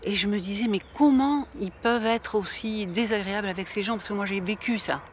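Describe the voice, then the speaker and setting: A woman's voice: medium pitch, a little fast. Woman telling her story, heartfelt, faint outdoor noise behind. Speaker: interviewee. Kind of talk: testimony interview.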